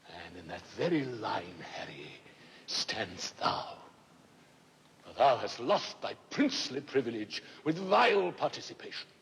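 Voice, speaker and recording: A man's voice: mid-range voice, very animated, fairly bright tone, breathy edge, heavily acted. A weary old English king. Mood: reproachful. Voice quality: grave, measured verse delivery. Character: aging weary English king rebuking his son. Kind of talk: classical Shakespearean film acting. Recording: reverberant old film soundtrack.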